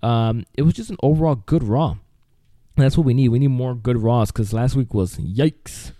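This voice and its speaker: A man with a very dark, mellow voice chats casually as co-host of a wrestling podcast. He rambles loosely and keeps saying "dude". The sound is dry and close, with no room around it. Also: mid-range voice, normal speed, dry recording.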